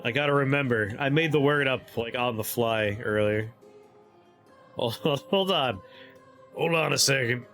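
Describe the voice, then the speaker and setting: Faint music plays behind a man streaming a video game, his medium-pitched voice unhurried as he chats casually and excitably with viewers. He laughs a lot and reads out the on-screen text.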